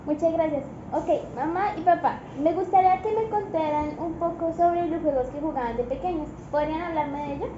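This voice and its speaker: A woman's voice: sits high, a little fast, few pauses. A young woman politely interviewing her parents, thanking them after each answer. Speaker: interviewer, daughter. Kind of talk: school interview. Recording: echoey room, muffled, noisy.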